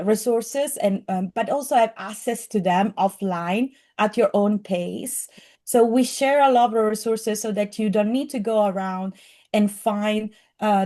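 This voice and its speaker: A middle-aged woman with a strong Italian accent, giving a presentation earnestly and often pausing on fillers and restarts. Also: mid-range voice, dark tone. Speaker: program presenter. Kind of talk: presentation to an audience.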